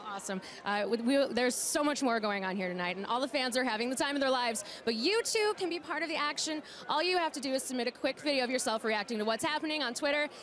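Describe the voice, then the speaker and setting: A woman with a fairly high voice hosts live from a red carpet. She chats in an upbeat interview style. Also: animated, fast, hardly any pauses, a bit bright.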